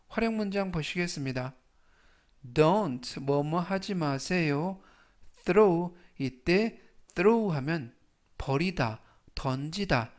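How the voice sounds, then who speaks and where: A man teaching English vocabulary in a slow, patient, scripted lesson, repeating each word three times. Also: a little high. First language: Korean.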